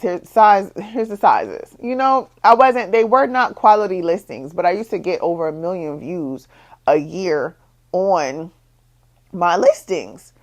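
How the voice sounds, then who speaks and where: A young woman who runs her own bikini business, telling her story in a casual vlog, repeating herself and rising higher as her frustration builds. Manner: exasperated, repetitive, rises in pitch when frustrated. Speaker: small business owner, bikini designer.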